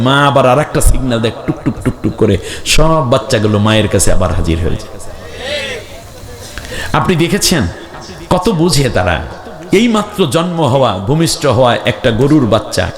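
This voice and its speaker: A male preacher delivering a sermon at a religious gathering. He tells homely stories and often climbs to shouted calls for the crowd to answer him back. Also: mid-range voice. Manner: storytelling with homely examples. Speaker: Islamic preacher. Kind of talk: Bengali waz sermon with call-and-response.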